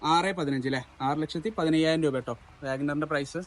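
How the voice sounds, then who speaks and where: Kerala guy hosting a car vlog, malayalam english mix, highish voice, casual, keeps repeating stuff back. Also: steady tone, a little fast. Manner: Malayalam mixed with English words; repeats answers back and checks with questions. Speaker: car showroom video host. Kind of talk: casual vlog interview about used cars.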